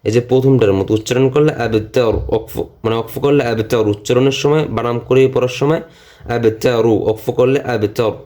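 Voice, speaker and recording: A man teaching Quran recitation, spelling out each syllable slowly and repeating it patiently. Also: medium pitch, warm tone. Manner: chants the Arabic verses in a melodic recitation.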